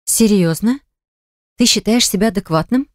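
In an audiobook dialogue reading, a woman voices a hurt young woman coldly answering her ex-fiancé with cutting reproach. She speaks at medium pitch and normal speed, pitched a bit above her own voice yet close to everyday speech. The recording is dry and clean, studio quality.

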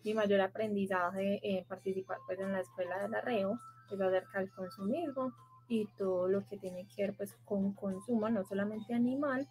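A woman's voice: mid-range voice, fairly even intonation, moderate pace, a little mellow, soft background music, rough recording. A 30-year-old woman giving a casual video testimonial. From Colombia. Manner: casual, with fillers.

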